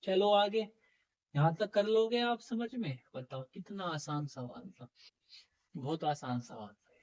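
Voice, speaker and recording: A man teaches a chemistry class, coaxing students with repeated questions, his high, unhurried, darkish voice a bit heavy because he's unwell. The lo-fi recording sounds dull and muffled.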